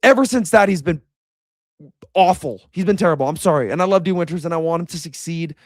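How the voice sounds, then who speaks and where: Young man, high voice, exasperated sports rant, dry close sound. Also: fast talker, dry recording. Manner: exasperated, blunt, heated. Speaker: sports commentator. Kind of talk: ranting reaction video.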